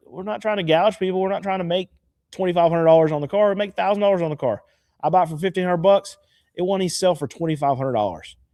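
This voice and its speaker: A man's voice: high-pitched, a little mellow, no room sound, studio quality. A man who runs a used car lot, chatting casually and grumbling in a mock-sad way, with lots of restarts. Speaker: used car dealer and channel host. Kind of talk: casual chat to camera.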